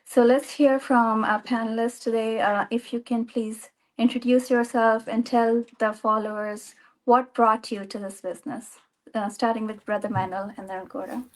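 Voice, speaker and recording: A woman's voice: a little high, level tone, moderate pace, poor audio. A woman moderating a webinar panel in a friendly, conversational way over a video call. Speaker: host.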